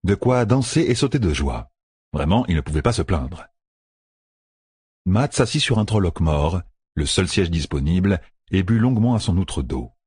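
A man narrating a story in a measured, dramatic way. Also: low voice, lively intonation, darkish tone, husky, dry recording. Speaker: audiobook narrator. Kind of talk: scripted narration. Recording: dry close recording.

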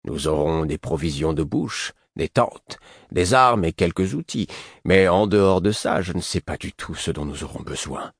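A man voicing an older male spymaster who speaks in a measured, ironic way, in an audiobook. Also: sits low, lively intonation, husky, no echo, clean studio sound, full character voice. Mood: wry.

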